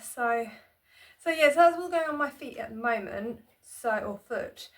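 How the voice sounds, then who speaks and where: This casual vlog features a chatty woman at home in a small room, filmed on a tripod-mounted phone camera, her voice fairly high with a fairly bright tone. She rambles self-deprecatingly, with frequent "um"s and restarts.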